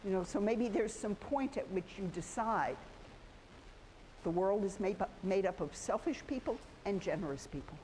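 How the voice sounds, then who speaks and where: A woman's voice: mid-range voice, expressive, normal speed, warm tone, a little hiss or hum. Woman lecturing in an echoey hall. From United States. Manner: conversational, self-correcting, with frequent restarts. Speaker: sociology professor. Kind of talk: university lecture.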